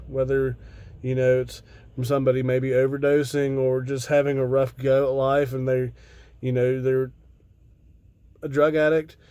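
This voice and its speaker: An American video host, stoned on cannabis, chats to his viewers in a laid-back, rambling stoner way, swearing casually. His mid-range voice is mellow and the recording is dry. It's a casual, meandering vlog chat.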